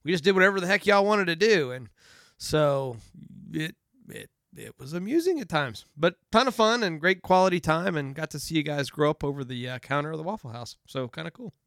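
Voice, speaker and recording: A man's voice: fairly high pitch, fairly quick, clear, resonant tone, dry recording, studio quality. A middle-aged man, a father chatting casually with his daughter, telling stories and teasing her. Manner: joking, teasing, relaxed storytelling. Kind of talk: casual family chat.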